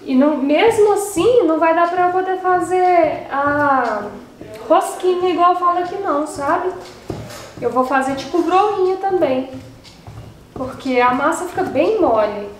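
Her voice is extremely high, expressive and a little slow: a young woman from Brazil who hosts a cooking channel and chats, exasperated, to viewers while making food at home. The audio is poor and the room echoey.

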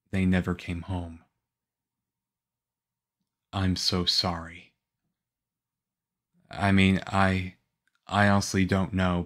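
Man acting as Leon Kennedy, low, unhurried young agent. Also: fairly bright tone. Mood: curious, serious, then sombre. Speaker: audio roleplay voice actor. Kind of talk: ASMR roleplay acting.

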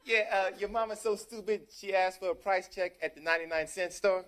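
A man's voice: high voice, lightly acted. A man playing a cocky insult contestant. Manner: cocky, rapid-fire jokes. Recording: noisy old TV broadcast.

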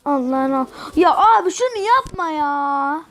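Woman, high voice, unhurried delivery; excitable gameplay commentary with outbursts at the rival. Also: a little hiss or hum. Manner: excitable, yells at the opponent. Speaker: mobile game player.

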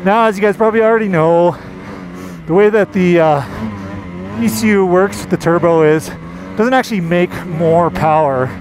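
A man with a high voice speaks at normal speed, enthusiastically explaining things as he rides a snowmobile. He's a magazine editor doing a casual ride-along review out in a deep, snowy forest. It's recorded on a helmet-mounted action camera, with engine and wind noise.

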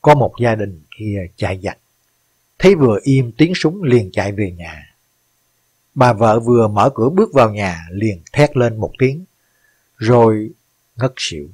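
Guy reading as an old army vet telling a sad war story, low and husky. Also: expressive, a little slow, darkish tone, no room sound. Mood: solemn. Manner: earnest, solemn storytelling. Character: older male ex-soldier recounting war.

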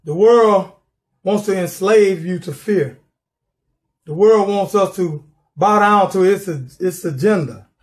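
A man's voice: high-pitched, takes it slowly. A middle-aged man preaching a sermon from his living room, fervent and repeating words as he builds, calling for responses.

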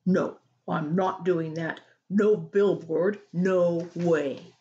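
Reluctant dad voiced by a woman, storybook, firm, weary, doubtful, unhurried, slightly muffled sound. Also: on the low side, steady tone, dark tone. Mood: firm refusal. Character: reluctant, cautious, weary working father.

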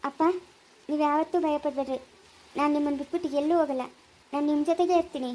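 A loving young daughter, played by a young woman in a family drama, who comforts and reassures her parents. She speaks in a very high voice, gently repeating herself. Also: steady tone, quick pace, a little hiss or hum, lightly acted, poor audio. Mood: reassuring. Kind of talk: family short drama acting.

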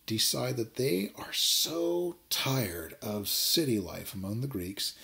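A man teaching a high school English class, giving a chatty recorded lecture. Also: gravelly. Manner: chatty, lively, acts out brief voices.

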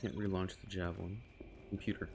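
A man's voice: sits low, level tone, fairly quick, vocal fry, over music. A man commentating while playing a game, with casual, joking asides. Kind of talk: let's play commentary.

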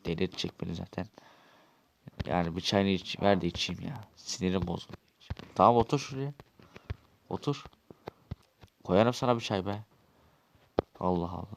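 A man's voice: low voice, gravelly, slight background noise. A man acting out a quarrelsome, swearing Minecraft role-play dialogue.

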